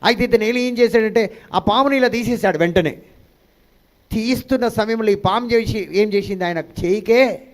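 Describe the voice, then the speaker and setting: A man's voice: high voice, moderate pace. A male pastor preaching a sermon, calling out to the congregation for responses and dropping in English phrases.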